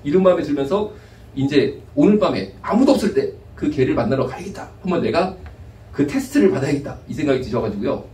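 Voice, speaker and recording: A man, a pastor, preaching a sermon told as a lively anecdote. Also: fairly high pitch, quick pace. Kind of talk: storytelling sermon. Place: church sanctuary. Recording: echoey room, mic from a distance.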